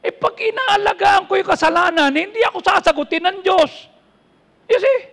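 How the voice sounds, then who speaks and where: A Filipino pastor preaching, with a high, bright, forceful voice. He quotes scripture and keeps turning questions back on his listeners. His voice rings out through a church hall with a long reverb. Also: normal speed, creaky. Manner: preaching in mixed Tagalog and English, quoting verses, asking the congregation questions. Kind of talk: sermon.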